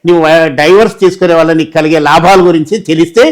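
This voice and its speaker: Guy playing a slick lawyer, coaxes and explains, quick talker. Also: a little high, steady tone, lightly acted. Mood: coaxing. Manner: coaxing, explains slowly. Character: smooth-talking persuasive male lawyer.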